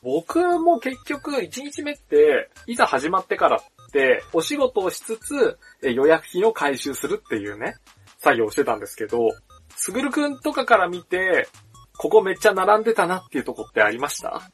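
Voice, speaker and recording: A man's voice: sits high, sing-song, moderate pace, a bit bright, breathy edge. A man hosting a casual podcast chat over a video call, laughing often and teasing the others. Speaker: podcast host. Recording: video call with music behind.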